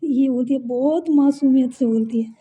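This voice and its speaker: Female storyteller, casual serial narration; very husky, dark and mellow. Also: high-pitched, moderate pace, muffled recording. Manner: conversational, warm-hearted retelling with asides.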